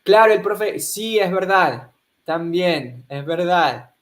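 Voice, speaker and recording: An upbeat male teacher runs a live online English class, reading viewer chat and slipping into English phrases. His voice sits fairly high, and he takes his time between words. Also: lively intonation, slow pace.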